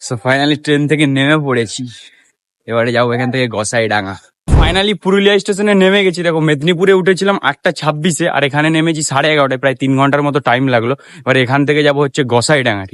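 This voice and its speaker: A young travel vlogger from West Bengal chats casually at a train station and on a train, filmed on a handheld camera, in a voice on the high side with no echo. He keeps asking "ঠিক আছে?" ("right?") and talks softly when alone.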